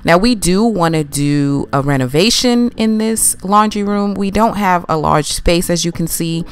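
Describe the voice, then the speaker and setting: In her home laundry room, a young woman who makes cleaning vlogs casually narrates her routine, chatting and explaining each step as she goes. Her voice is lowish and clean in tone, a little slow.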